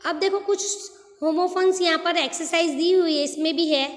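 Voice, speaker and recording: A woman's voice: very high-pitched, fairly even intonation, moderate pace, reverberant, long reverb tail. A woman teaching young pupils in a patient, repetitive way, spelling words out letter by letter. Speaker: school English teacher. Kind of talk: explaining homophones to young children.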